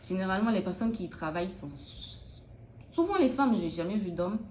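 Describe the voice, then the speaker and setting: A woman's voice: medium pitch, lively intonation, normal speed, darkish tone, echoey room, a little hiss or hum. A young woman from Benin, a student in early childhood education, answering interview questions in a thoughtful, hesitant way with many restarts.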